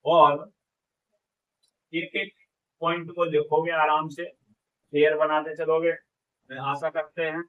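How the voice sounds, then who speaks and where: A male Hindi teacher giving an exam-prep lecture, asking questions and answering them himself, stretching vowels to demonstrate, and warmly addressing his students. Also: a little high, little pitch movement, slow, long pauses, narrow, tinny audio.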